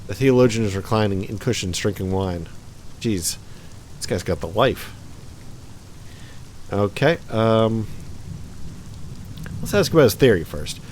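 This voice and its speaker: A man's voice: fairly low pitch, expressive, measured pace, pauses often, a little mellow, slight background noise. A man hosting a let's play, casually reading game text aloud with chatty asides and small slips.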